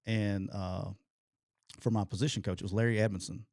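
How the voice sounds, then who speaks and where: A man, telling a long, animated and profane story as a podcast co-host. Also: fairly low pitch, fairly quick, dry recording, studio quality. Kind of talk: casual storytelling chat.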